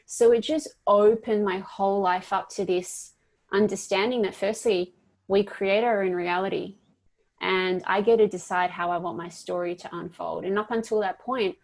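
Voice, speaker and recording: A woman's voice: mid-range voice, fairly even intonation, normal speed. A woman in her thirties from Perth with an Australian accent, talking emphatically as a life coach guest in an interview. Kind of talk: casual interview talk.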